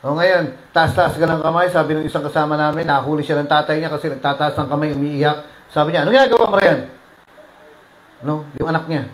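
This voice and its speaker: High-voiced man preaching. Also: level tone, fast, roomy sound, low-quality recording. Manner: preaching with sudden loud rises and soft drops; mixes English phrases into his preaching. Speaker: pastor. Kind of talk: sermon.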